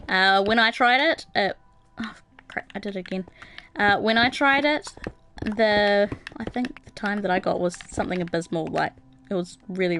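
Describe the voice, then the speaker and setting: A woman's voice: medium pitch, a bit bright, slight background noise. A young woman streaming a game, chatting casually with viewers and reading their comments aloud, with plenty of ums and uhs. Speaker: gaming livestreamer. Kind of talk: casual live-stream chat while playing.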